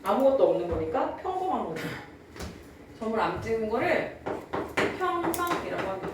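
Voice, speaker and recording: A woman's voice: fairly high pitch, sing-song, brisk, very echoey, distant mic, heavy background noise. A young adult woman teacher giving a classroom lecture, chatty and often checking in with her students. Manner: drawls out words when demonstrating old pronunciation. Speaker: Korean language teacher.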